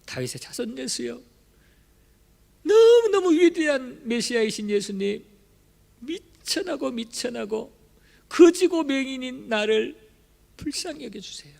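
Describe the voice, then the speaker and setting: A man's voice: extremely high pitch, sing-song, a little slow, creaky, pauses often, darkish tone, exaggerated voice. A pastor voicing a desperate blind beggar man, imploring and tearful as he begs for mercy. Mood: pleading. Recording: long church reverb.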